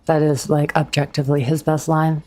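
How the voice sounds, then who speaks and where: A woman's voice: deep voice, flat delivery, moderate pace, dark tone. A woman streamer chatting casually with her viewers as she plays, a little awkward, answering chat on a streaming microphone.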